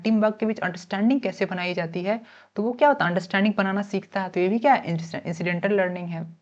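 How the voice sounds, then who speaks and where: A woman's voice: fairly low pitch, a little mellow, highs cut off. A woman teaching an exam-prep lesson. She explains by asking and answering her own questions, checks in often, mixes in English terms and spells words out letter by letter.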